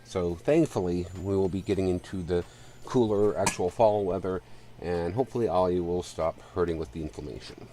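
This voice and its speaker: A man's voice: low voice, moderate pace, warm tone, a little hiss or hum. A congested, winded man chatting casually as he streams a video game, rambling along. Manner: rambling, chatty, with fillers and restarts. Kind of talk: casual let's-play commentary.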